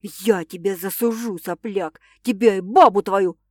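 A woman's voice: medium pitch, measured pace, dry recording, clean studio sound, lightly acted. A woman voicing an angry, rude male film producer who barks insults, in an audiobook. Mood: snarling angry. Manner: snarling, insulting, barking.

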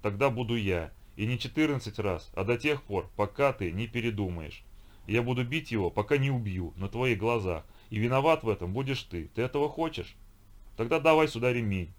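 A man's voice: medium pitch, lively intonation, brisk, natural voice. A man voicing a harsh, commanding stepfather. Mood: cold. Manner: commanding, barking orders. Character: stern harsh middle-aged stepfather, cold and unyielding.

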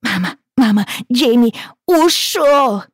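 A woman voicing a small girl wailing and sobbing in panic, with high drawn-out cries. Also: little pitch movement, warm tone, no echo, clean studio sound. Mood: sobbing, panicked.

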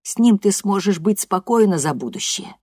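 A woman voicing a strict, blunt old grandmother who speaks slowly and sternly. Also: expressive, darkish tone, husky, no room sound, clean studio sound. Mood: lecturing. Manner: slow, low, stern.

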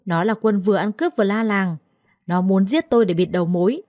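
A woman voicing a quarrelsome young female house servant who shouts accusations. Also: a little fast, dry recording, studio quality, close to an everyday voice. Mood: shrill accusing. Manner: shrill yelling, quarrelsome.

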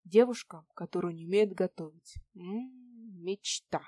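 Female audiobook narrator, even storytelling, dry close read. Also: mid-range voice, measured pace, husky, dry recording. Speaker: audiobook reader.

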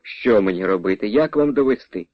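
A man voicing a young nobleman quietly pleading with his mother, in a dull, dry radio recording. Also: fairly low pitch, animated, brisk, no echo, lightly acted.

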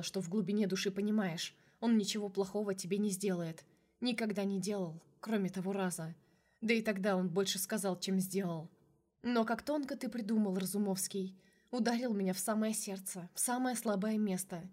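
A woman's voice: mid-range voice, mellow. A woman narrating a first-person novel as an audiobook, reading with strong emotion.

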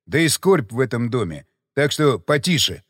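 A man voicing a hoarse, gruff, irritated armed man. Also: medium pitch, very animated, moderate pace, no room sound, studio quality.

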